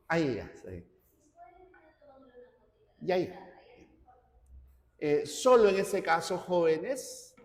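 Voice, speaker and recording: A man teaching a class, slow and deliberate, often checking in with his students. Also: a little high, darkish tone. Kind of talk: classroom lecture. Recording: roomy hall with long reverb.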